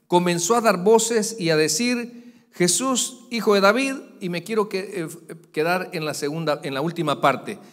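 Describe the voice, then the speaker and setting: A male pastor preaches in a fairly high, very lively voice. His delivery jumps from loud, stretched-out calls down to soft, confiding asides. The sound carries a long reverb from a large church hall. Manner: animated preaching, voice swinging from loud peaks to quiet asides. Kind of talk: sermon.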